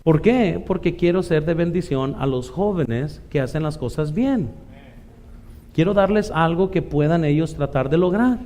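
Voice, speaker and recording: A man's voice: on the high side, animated, a little slow, dark tone. A middle-aged man with a Mexican Spanish accent preaching a conversational sermon as pastor, often tossing in "¿verdad?" asides and acting out the voices he quotes.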